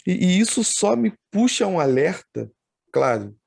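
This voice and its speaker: Gravelly man hosting a podcast. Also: high-pitched, very animated, measured pace, a little mellow, no echo. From Brazil. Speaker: podcast host. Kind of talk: casual interview talk.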